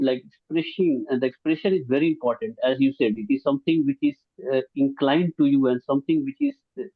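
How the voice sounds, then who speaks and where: A man asking a question in an online session, hesitant, full of fillers and rushing ahead. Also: mid-range voice. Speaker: audience member asking a question. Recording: tinny phone-like call line.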